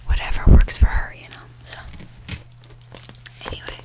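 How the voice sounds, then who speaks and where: A woman whispers in a breathy voice, chatting in a casual, rambling, slangy way for ASMR. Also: normal speed. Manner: informal, slangy, sweary, rambling. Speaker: ASMR video host. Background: nail tapping and page fluttering.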